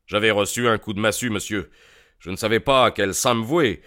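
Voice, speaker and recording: A man's voice: on the low side, a little fast, a bit bright, close to an everyday voice. A man voicing a bewildered, aggrieved middle-aged client in an audiobook, earnest and plain. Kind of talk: audiobook character voice.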